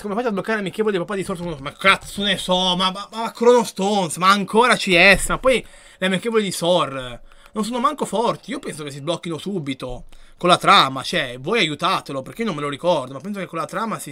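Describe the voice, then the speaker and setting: A man giving live commentary while he plays a video game. He reads the chat aloud and yells and swears when the game goes wrong. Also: high voice, brisk. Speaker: gaming streamer.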